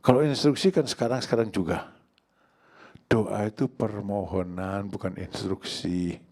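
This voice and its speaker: Older male pastor for a church sermon; low raspy voice, swings from hushed pleading to loud cries. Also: measured pace.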